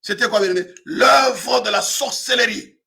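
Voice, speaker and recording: A man in his fifties, a pastor from Africa, preaching a sermon with frequent shouted emphasis. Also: very high-pitched, moderate pace, gravelly. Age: 50s.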